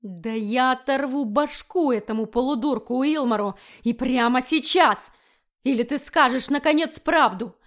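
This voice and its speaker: A woman voicing a furious young male knight commander who shouts harsh threats. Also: a little high, moderate pace, close to an everyday voice.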